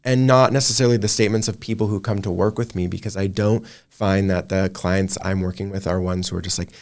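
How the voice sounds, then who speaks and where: A man's voice: low voice, fairly even intonation, quick pace, a little mellow. A man in his thirties, an image consultant, talking through his ideas at length in a casual interview. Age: 30s. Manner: thoughtful, talks in long run-on thoughts with restarts.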